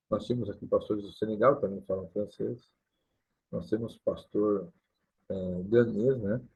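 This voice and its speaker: Gravelly husky Brazilian man, tinny sound. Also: lowish voice, dark tone. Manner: explains slowly with many "né?" tags. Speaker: pastor. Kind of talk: casual talk to camera.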